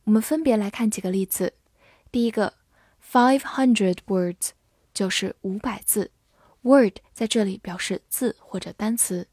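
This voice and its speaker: A woman giving a scripted English vocabulary lesson, explaining words clearly and reading example sentences slowly. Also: mid-range voice, warm tone, dry recording, studio quality. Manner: clear, measured, slows down for model sentences. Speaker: English teacher.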